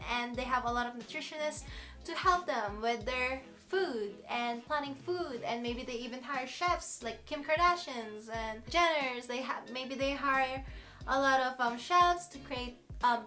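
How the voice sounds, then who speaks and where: Talking skincare straight to camera, this twentysomething Filipino-accented beauty vlogger keeps things casual and giggly. She has a fairly high, slightly bright voice.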